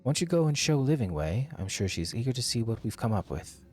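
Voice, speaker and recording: A man voicing a small, nervous rabbit-like game tailor with the polite, flattering manner of a clothes-shop clerk. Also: medium pitch, brisk, soft background music, natural voice. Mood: pleased, proud. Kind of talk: character voice reading game dialogue.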